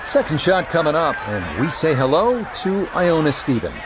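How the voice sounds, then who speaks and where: A man performing as a lead golf commentator, giving measured, polished play-by-play for a video game broadcast. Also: a little high, sing-song, background noise. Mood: composed. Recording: music and crowd behind. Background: music and crowd.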